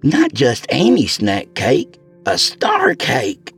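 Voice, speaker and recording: A man's voice: on the high side, sing-song, a little slow, creaky, breathy edge, faint music behind, voice pushed up, heavily acted. A man doing a griping jailed young woman. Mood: wheedling. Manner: complaining, wheedling. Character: blunt jailed young woman, food-obsessed.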